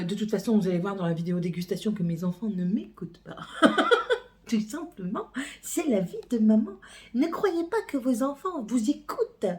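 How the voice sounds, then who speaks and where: A mother chatting casually in a home vlog, rambling and hesitant, with lots of pauses as she talks. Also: medium pitch, darkish tone.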